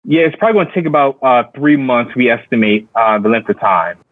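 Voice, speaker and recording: A man presenting a startup pitch as a founder, polite and businesslike in his delivery. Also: expressive, a little fast, dry recording. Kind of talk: startup pitch and question-and-answer. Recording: phone-like narrow band, dry sound.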